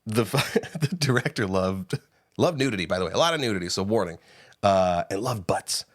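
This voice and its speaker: Low-voiced man chatting about movies. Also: moderate pace, no room sound, studio quality. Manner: animated, swearing, laughing often. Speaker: podcast co-host. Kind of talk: casual movie review chat. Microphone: close studio mic.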